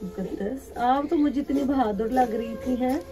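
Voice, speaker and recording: Woman, charity vlogger; gentle, coaxing delivery, a touch high-pitched; music bed behind. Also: moderate pace. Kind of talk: emotional charity vlog, talking to camera and to children. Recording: music playing underneath.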